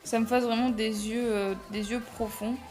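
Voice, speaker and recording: A young woman narrates her makeup tutorial in a casual, rambling way, laughing at herself and stumbling over her words. Her voice sits a little high. Soft music runs quietly underneath. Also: flat delivery, normal speed. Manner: chatty, self-deprecating, many fillers and restarts. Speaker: makeup vlogger.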